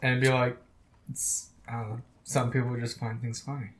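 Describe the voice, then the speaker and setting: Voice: medium pitch, little pitch movement, moderate pace, slight background noise, poor audio. A young guest who keeps interrupting with chatty comments and laughs. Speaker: guest friend. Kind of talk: casual chat.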